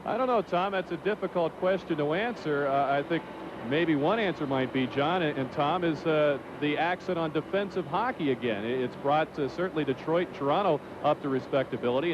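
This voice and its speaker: A man's voice: on the high side, brisk. A man giving unscripted hockey analysis as a broadcast commentator, hesitantly thinking aloud. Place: hockey arena. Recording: noisy, dull live arena feed.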